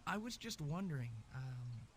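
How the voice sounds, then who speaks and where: An earnest young male adventurer from an adventure game, polite at heart but quick to rattle off grievances. His voice sits high and bright. It swings with plenty of lift. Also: very animated, slight background noise. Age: young adult. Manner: polite, then fired-up and listing insults. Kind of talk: game voice acting.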